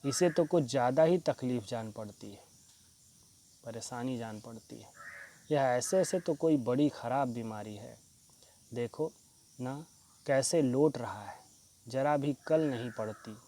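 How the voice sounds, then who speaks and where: A male teacher reads a play from a school textbook aloud, stopping often to explain words. His delivery is slow and measured. Faint crickets and insects hum in the background. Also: mid-range voice, warm tone. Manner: pauses to explain word meanings.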